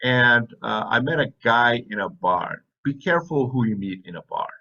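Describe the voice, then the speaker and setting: A man in his fifties, raised in Saudi Arabia, telling his life story as an interview guest in a relaxed, chatty way. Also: medium pitch, moderate pace, vocal fry, muffled recording. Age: 50s. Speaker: podcast guest. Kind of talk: casual interview chat.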